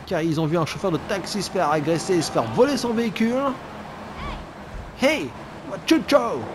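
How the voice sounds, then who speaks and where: Sitting high and moving at a quick pace, this man's voice carries animated, joking let's play commentary aimed at his game character. Game sound effects, sirens and vehicles make for loud background noise.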